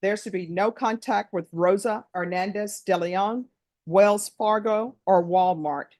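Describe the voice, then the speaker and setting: A woman speaking as a judge in court, reciting formal legal questions in a brisk, procedural, authoritative courtroom manner. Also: medium pitch, a little mellow, no echo, clean studio sound. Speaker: judge presiding over a plea hearing.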